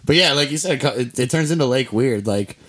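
A man. He is animated and joking, and he keeps throwing in "dude.". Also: medium pitch, a little fast. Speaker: podcast co-host. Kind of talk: casual chat.

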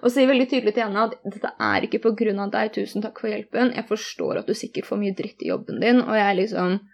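A woman's voice: medium pitch, steady tone. A young woman telling a personal story in conversation, earnest and candid, retelling each exchange in detail.

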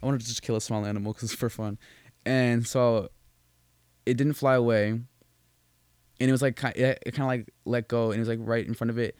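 A young man chatting loosely on a podcast, tripping over his words and swearing through his stories. His voice sits at a middling pitch. The sound is dry and close. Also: steady tone, a little fast, long pauses, a little mellow, smooth, no echo. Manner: rambling, profane, many restarts and fillers. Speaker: podcast co-host. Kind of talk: casual chat.

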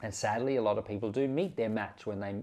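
A man with a fairly low, darkish voice talks fast as he delivers informal Bible commentary in his role as pastor and podcast host. He is conversational and emphatic, explaining ideas by way of examples.

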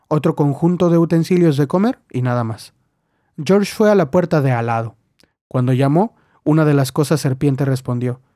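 A man narrating a short story as an audiobook, in a steady, measured delivery. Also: medium pitch, no room sound, clean studio sound. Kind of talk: scripted narration.

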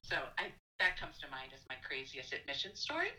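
A middle-aged woman, an admissions counselor, telling a story in a casual interview, animated and laughing often. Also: fairly quick, very noisy. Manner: animated, laughs often, acts out quotes in a high voice.

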